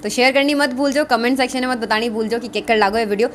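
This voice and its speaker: Host woman, Rajasthani accent, fairly high voice, encouraging, faint noise. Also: fairly even intonation, quick pace, a bit bright. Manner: encouraging, appeals to viewers directly. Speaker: interviewer and channel host. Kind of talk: casual interview and channel outro.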